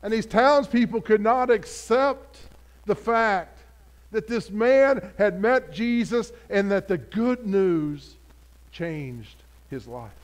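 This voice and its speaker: A man's voice: high voice, expressive, slow. A pastor preaching a sermon in an earnest, conversational way, putting direct questions to his congregation.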